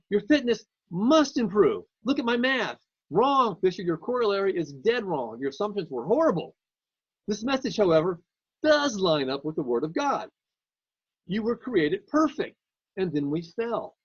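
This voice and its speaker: A man's voice: high voice, husky, no room sound. A man giving a casual classroom lecture in a conversational way, often repeating words as he works out his next point, on a dull lo-fi recording.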